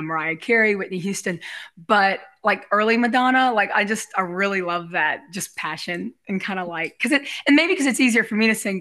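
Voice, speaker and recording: A realtor and musician appears as a guest in a casual interview, her voice raspy and very bright at a mid-range pitch for a woman. She's effusive and loose, giggling as she rambles from one thought to the next.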